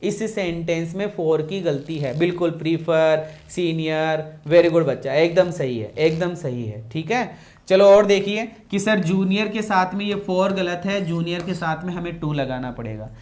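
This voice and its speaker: A man's voice: on the high side, a little slow, darkish tone. A man teaching English grammar in a classroom lecture, repeating key phrases and quizzing his students.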